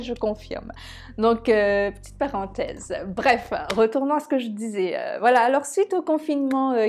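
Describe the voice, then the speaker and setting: A woman's voice: a little high, a little mellow. A woman in her thirties from Mauritius introducing her hair care channel in a casual, chatty way, with frequent hesitations and small self-mocking laughs. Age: 30s. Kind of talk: casual vlog presentation.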